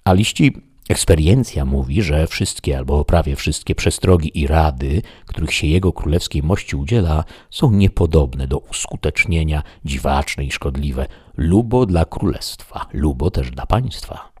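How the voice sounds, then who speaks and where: A man's voice: extremely low pitch, animated, a little slow, a little mellow, slightly rough, no room sound, clean studio sound, exaggerated voice. A man voicing a courteous village barber. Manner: courteous, deferential.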